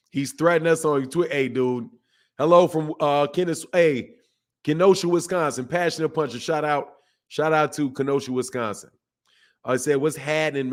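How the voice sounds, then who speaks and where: Hosting a casual boxing livestream, a man talks to his chat in a voice that's hoarse from yelling and pitched on the high side. He's emphatic, repeats his points, and keeps calling listeners bro or man.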